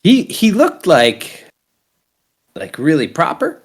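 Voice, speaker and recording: With a slightly high voice and a breathy edge, a Canadian-accented man in his thirties takes it slowly as he hosts a podcast. He swears freely while telling rambling, lively stories in casual chat.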